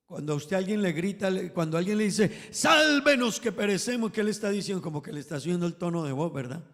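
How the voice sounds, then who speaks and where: A man preaching a sermon to his congregation, emphatic, rising loud and falling soft as he calls them brothers. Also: high-pitched, long reverb tail. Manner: emphatic, swells and drops in volume, addresses congregation as brothers.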